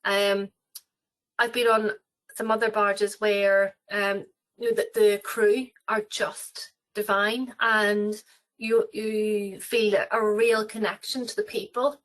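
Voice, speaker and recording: A woman's voice: medium pitch, little pitch movement, takes it slowly, a bit bright, low-quality recording. A woman with an Irish accent, talking about cruises in a webinar interview, rambling with many fillers and restarts. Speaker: travel company representative.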